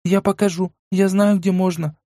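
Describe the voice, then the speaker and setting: A man's voice: high-pitched, flat delivery, normal speed, warm tone, dry recording, studio quality, pitched above the performer's own voice, close to an everyday voice. Man voicing a frightened, pleading young woman. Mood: frightened, hurried. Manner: pleading, whimpering, tremulous. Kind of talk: audiobook character voice.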